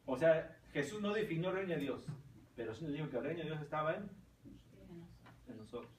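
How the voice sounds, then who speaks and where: A man's voice: a little high, animated, fairly quick. A man leading an informal Bible class, rambling and checking in with tag questions. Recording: roomy, distant mic, faint noise.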